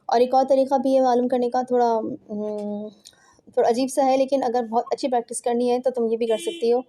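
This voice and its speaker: Recorded at home on a phone, this informal lesson features a Quran pronunciation teacher patiently working through throat sounds step by step. She has a mellow voice on the high side with fairly even intonation.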